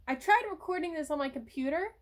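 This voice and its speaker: Young adult woman, high voice, rambling casual vlog chat into a phone. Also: expressive, fast talker. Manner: rambling, chatty, casual swearing. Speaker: vlogger. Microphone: cell phone.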